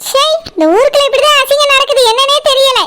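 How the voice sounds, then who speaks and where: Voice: very high voice, fairly even intonation, quick pace, very noisy. A performer voicing an indignant middle-aged mother of the groom in a cartoon, scolding and taunting with a Kanyakumari Tamil accent. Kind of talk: cartoon voice acting.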